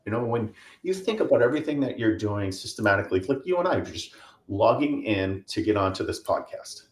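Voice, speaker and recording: A middle-aged man talking casually as a podcast guest, lively and full of ums, acting out quoted dialogue. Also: fairly low pitch, fairly quick, reverberant. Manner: animated, acts out quoted dialogue with many fillers. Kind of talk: casual interview talk.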